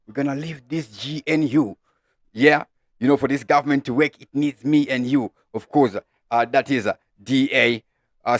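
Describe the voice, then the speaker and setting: A man with a Zimbabwean accent hosting a live-streamed political commentary show, talking through the news with many filler "uh"s and shout-outs to viewers. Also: fairly high pitch, no echo, studio quality. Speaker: host of a live online news channel.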